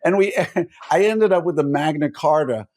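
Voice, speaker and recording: A man's voice: fairly high pitch, moderate pace, darkish tone. A man hosting a podcast interview who rambles, corrects himself and jokes as he sets up questions. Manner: rambling, self-correcting, jokey. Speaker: podcast host. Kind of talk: conversational interview.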